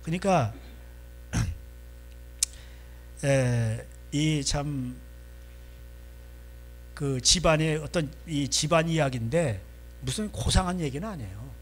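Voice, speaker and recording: A male pastor preaching a sermon in a church, folksy and animated, constantly prompting the congregation. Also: fairly high pitch, takes it slowly, pauses often.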